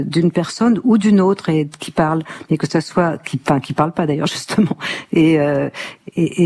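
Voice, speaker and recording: Radio interview guest, mellow, warm, enthusiastic, searching for words, studio. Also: medium pitch. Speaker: guest speaker on literature.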